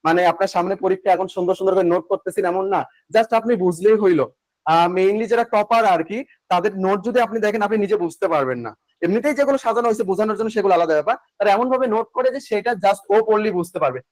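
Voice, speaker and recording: High-voiced man teaching online. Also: a little mellow, no room sound, rough recording. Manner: repeats key facts slowly for note-taking, asks and answers own questions. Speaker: online admission-coaching teacher. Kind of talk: live online class lecture.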